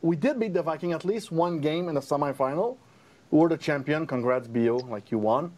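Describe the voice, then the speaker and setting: A man's voice: fairly high pitch, fairly quick, darkish tone. A man in his thirties, a game developer, chatting casually on a livestream and telling stories with a lot of laughter. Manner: rambling, laughing storyteller.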